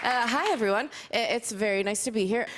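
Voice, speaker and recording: A woman's voice: a little high, fast, noisy background. A woman from Sweden performing a stand-up comedy set on a live stage, with a dry, self-deprecating delivery full of small hesitations. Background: faint audience laughter and applause.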